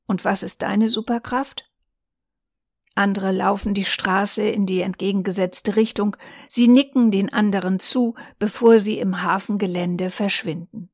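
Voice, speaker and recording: Calm woman reading a reportage, dry sound. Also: medium pitch, measured pace, no room sound. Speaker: volunteer reader. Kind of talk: reading a newspaper reportage aloud.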